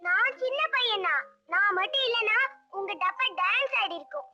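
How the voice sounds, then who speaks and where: A woman's voice: very high-pitched, normal speed, full character voice. A woman voicing a cheeky, clever little boy in an old dubbed drama film. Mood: indignant. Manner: cheeky, sharp-tongued. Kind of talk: 1980s film dubbing. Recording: dull old film soundtrack with music.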